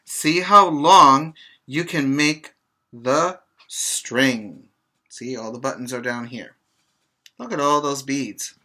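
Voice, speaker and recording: A middle-aged man who teaches preschool reads a picture book aloud at an unhurried pace, with a medium-pitched voice that has a bright, clear-cut edge. He keeps things simple and instructive, pausing to explain and asking the children check-in questions.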